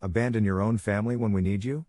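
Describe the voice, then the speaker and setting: This is a resentful, spoiled sister read by a man in an online story narration. The delivery stays plain and low, sharpened only by accusation. The sound is close and dry. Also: steady tone, quick pace, a little mellow, dry recording, close to an everyday voice. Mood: angry. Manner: defensive, accusing.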